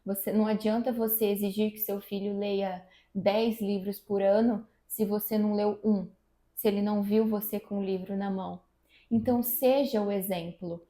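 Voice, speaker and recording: Mellow, measured mother giving advice. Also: mid-range voice, fairly even intonation. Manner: measured, advice-giving, repeats key phrases. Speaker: mother and channel co-host. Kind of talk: casual parenting advice chat. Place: room at home. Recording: echoey room.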